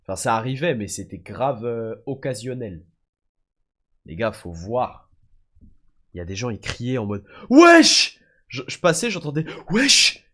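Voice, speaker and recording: Animated but moderately paced, with frequent pauses and a mid-range pitch, this young French streamer chats casually with viewers. He tells stories full of slang, addresses them as "les gars" and "frère", and is often ill.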